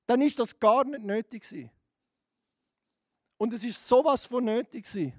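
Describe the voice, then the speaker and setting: Swiss German preacher, man, middle-aged, very high voice, fiery delivery that swings from hushed to shouting. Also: normal speed, no echo, clean studio sound. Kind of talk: sermon.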